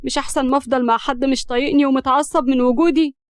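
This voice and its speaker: Woman playing a proud young Egyptian woman, defiant and tense, quick dry delivery. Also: high-pitched, steady tone, no echo, pitched above the performer's own voice, lightly acted.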